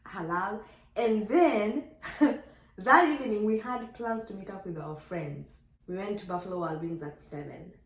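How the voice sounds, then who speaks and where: A young woman animatedly telling her birth story to the camera, acting out quoted dialogue. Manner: lively, acts out quoted dialogue with big pitch jumps. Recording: echoey room.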